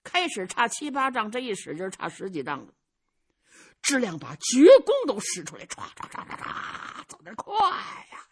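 A woman performing traditional Chinese storytelling, animated, with vivid sound words. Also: a little high, normal speed, breathy edge.

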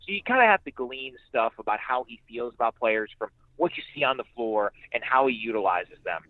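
An animated man with a medium-pitched voice talks fairly quickly as a radio guest, giving emphatic, conversational sports analysis and repeating phrases for emphasis. The sound carries no echo yet is muffled and band-limited, with a phone-like radio feel.

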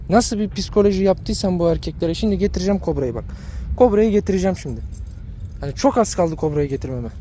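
A man with a high but mellow voice talks casually to his viewers in a vlog. He speaks straight to his dogs and often repeats the same phrases. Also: slight background noise. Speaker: dog breeder vlogger.

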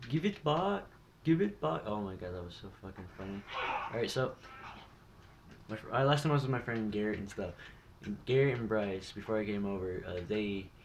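Profane, excitable young gamer man, noisy mix. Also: lowish voice, a little fast, dull audio. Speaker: gaming YouTuber. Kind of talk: gameplay commentary.

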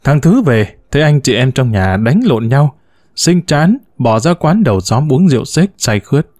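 A man narrating a novel aloud in a vivid, expressive storytelling manner. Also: medium pitch, moderate pace, dry recording, studio quality.

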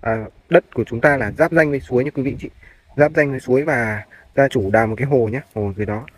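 On a handheld phone video shot outdoors, a man who works as a real estate agent walks through farmland and courteously narrates the tour for viewers. His pitch is medium and his pace quick. The recording is low-quality, with clearly audible background noise.

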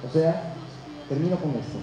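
A man preaching a sermon. He swings between shouted climaxes and low, quiet passages and puts rhetorical questions to his congregation. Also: lively intonation, normal speed. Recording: very echoey church hall with music behind.

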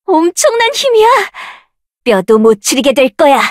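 A high, lively young woman's voice, proud and sure of herself. She barks commanding skill shouts in bold, confident bursts. The sound is close and dry, with no room around it. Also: moderate pace, no room sound. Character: proud, confident young woman researcher of dark rift powers. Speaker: voice actress for a game character. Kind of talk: game voice lines, battle shouts.

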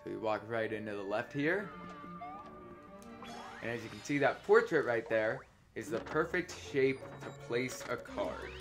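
A man's voice: medium pitch, lively intonation, measured pace, music in the background. A teenage boy hosting a let's play, chatting casually with lots of ums and a slight lisp from a retainer. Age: teens. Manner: chatty, rambling with many ums. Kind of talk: casual gameplay commentary.

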